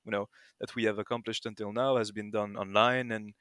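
Bright, smooth-voiced young French man. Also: lowish voice, flat delivery, fairly quick, no echo, studio quality. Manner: rambling, many fillers and restarts. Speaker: guest, project founder. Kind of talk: casual podcast interview.

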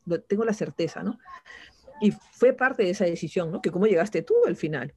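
A woman's voice: on the low side, animated, brisk, darkish tone, breathy edge, dry recording. A woman as an interview guest, talking casually and reflectively, often ending phrases with a questioning tag and restarting her sentences. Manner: reflective, frequent "¿no?" tags and restarts.

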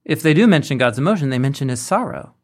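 A man explaining as a teacher in a podcast discussion, deliberate and emphatic in his phrasing. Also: mid-range voice, expressive. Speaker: podcast co-host and Bible teacher.

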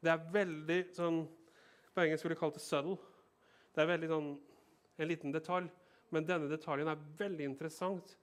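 Male pastor, slightly higher voice, reads scripture then explains it in a conversational tone and checks in with listeners. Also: level tone, clean tone. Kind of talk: sermon with scripture reading.

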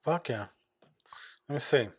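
A man's voice: mid-range voice, animated, unhurried, slightly rough. Regular voiced guy cohosting a podcast, easygoing, cusses freely. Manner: easygoing banter, swears freely. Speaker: podcast co-host. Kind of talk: casual chat.

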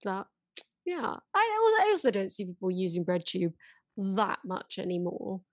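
A woman's voice: medium pitch, big pitch swings, normal speed, no room sound. Female co-host, chatty and agreeable, dry recording. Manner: chatty, agreeable, frequent ums. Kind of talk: casual conversation.

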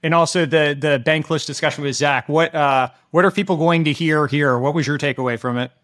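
A man hosting a casual podcast chat, his voice hoarse and worn out as if from yelling at a game, talking in a rambling, stop-start way. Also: on the high side, fairly quick. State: hoarse, worn-out voice after a weekend at a football game. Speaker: podcast host.

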